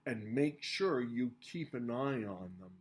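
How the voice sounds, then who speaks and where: A man voicing a bored, gruff city bus driver. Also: medium pitch, takes it slowly. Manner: bored, flat announcing.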